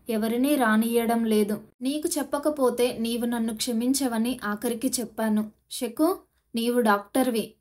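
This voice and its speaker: Woman playing aging male doctor, consoling husband, soft coaxing delivery, slightly high pitch, audio story. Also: lightly acted.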